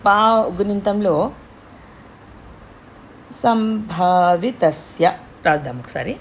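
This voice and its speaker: A woman teaching pronunciation, drawing out syllables slowly to demonstrate them. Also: medium pitch, a little hiss or hum. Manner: slow demonstrative enunciation of syllables. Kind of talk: pronunciation lesson.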